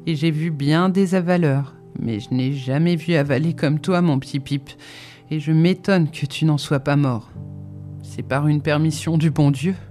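A reader voicing Joe, a gentle, earnest blacksmith who talks in a slow, solemn, confidential way, in an audiobook. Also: medium pitch, steady tone, faint music behind, close to an everyday voice. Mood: solemn confiding. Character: gentle simple blacksmith man, kindly, earnest.

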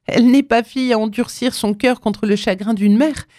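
A woman's voice: a little high, fairly even intonation, normal speed, warm tone, no echo, studio quality, pitched above the performer's own voice, close to an everyday voice. A woman voicing a tender old mother who pleads fervently with her son in a read-aloud story. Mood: pleading. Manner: fervent, imploring.

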